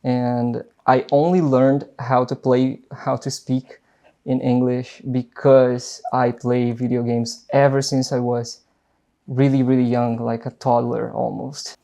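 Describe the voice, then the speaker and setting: This young Brazilian vlogger, Portuguese being his first language, speaks accented English slowly, with little pitch movement, vocal fry, and a warm tone in his mid-range voice. He rambles casually to camera without a script, full of fillers and restarts.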